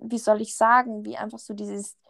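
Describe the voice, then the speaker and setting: A young woman with an Austrian accent talks in a relaxed, chatty way, her voice a touch high. She piles on fillers and sounds mildly indignant. The sound is dry, with no room around it. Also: moderate pace, gravelly, no room sound. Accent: Austrian German. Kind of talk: casual chat.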